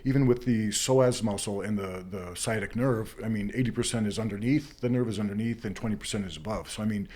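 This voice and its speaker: A man speaks as a massage therapist in a casual interview. His voice sits a little low and moves quickly, explaining his work through examples and stories. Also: darkish tone.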